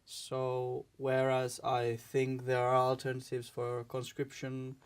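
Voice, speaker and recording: A man's voice: mid-range voice, completely flat delivery, slow pace, clean tone. A man from Finland, a debate guest, speaking hesitantly and searching for words. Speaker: debate guest opposing conscription. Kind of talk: casual debate chat.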